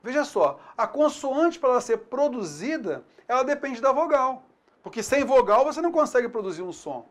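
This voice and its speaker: A man with a Brazilian accent and a very high, very animated voice teaches a video lesson. He's chatty, checks in with the viewer often, and sounds out syllables slowly.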